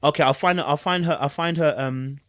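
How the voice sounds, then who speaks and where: Recorded dry with clean studio sound, this mid-range, slightly bright voice moves fairly quickly. The podcast host speaks British urban London slang, casually and conversationally reacting to a celebrity breakup statement with exasperated disbelief and repeated phrases for emphasis.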